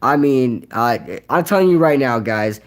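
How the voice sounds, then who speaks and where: His voice almost shot from yelling, a young man chats casually through a live-stream Q&A, reading comments at a moderate pace. It sits mid-range with lively intonation, and he rambles, repeats words and fills gaps often.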